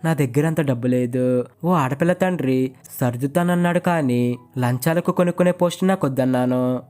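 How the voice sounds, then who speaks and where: A man's voice: medium pitch, moderate pace, darkish tone, lightly acted. A man narrating a storybook and reading the lines of a remorseful, idealistic young man who speaks earnestly and apologetically.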